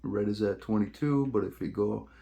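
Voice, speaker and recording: A man with a low-pitched voice hosts an informal how-to video. He talks casually to his viewers, going through settings one step at a time. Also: moderate pace, gravelly, mellow. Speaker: video host.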